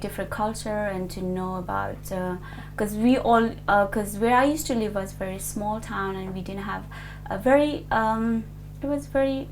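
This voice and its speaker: A woman's voice: fairly high pitch, fairly bright tone, a little hiss or hum, poor audio. A woman in her twenties from Nepal, answering an oral history interview hesitantly, with many fillers and restarts. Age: 20s.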